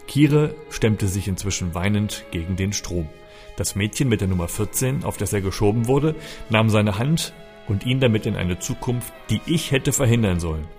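A man's voice: fairly low pitch, lively intonation, normal speed, a little mellow. A man reading a story aloud, narrating expressively and with urgency. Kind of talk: audiobook narration. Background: faint music.

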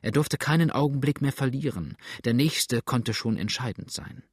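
A man narrating an audiobook in a steady, measured reading style. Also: mid-range voice, breathy edge, no room sound, clean studio sound.

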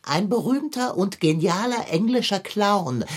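A woman's voice: mid-range voice, lively intonation, a little slow, husky. A woman voicing a pompous, long-winded philosopher figure in a children's radio play, speaking in a lofty, wordy manner.

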